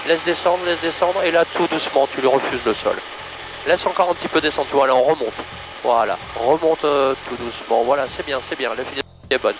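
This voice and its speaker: A man coaching a student pilot in a small plane's cockpit over a headset intercom, calm, encouraging and casual. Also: a little high, rough recording. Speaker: flight instructor. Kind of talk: in-flight coaching.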